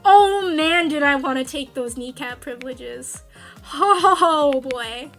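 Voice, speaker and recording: A woman's voice: high-pitched, slow pace, fairly bright tone, faint music behind. A woman streamer telling a rambling, self-mocking story while she plays a game, with sudden cries of frustration. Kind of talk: casual storytelling while gaming.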